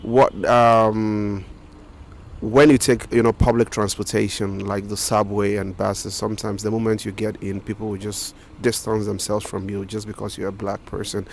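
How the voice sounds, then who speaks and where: A man's voice: lowish voice, flat delivery, moderate pace, gravelly, slight background noise. A man from Ghana answering street interview questions in an earnest, matter-of-fact way.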